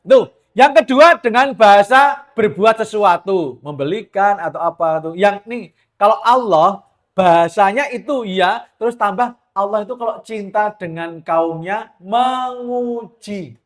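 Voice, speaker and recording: A man with a Javanese accent preaching a lively, joking sermon to a women's gathering. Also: high voice, a little slow. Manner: lively, joking, mixes in Javascript-free Javanese asides and sung lines.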